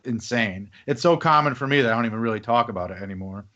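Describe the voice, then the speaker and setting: A podcast host with a medium-pitched, pushed and bright voice talks quickly and expressively, rambling through a casual conversation full of fillers and back-channel murmurs. The recording has a dull, lo-fi sound.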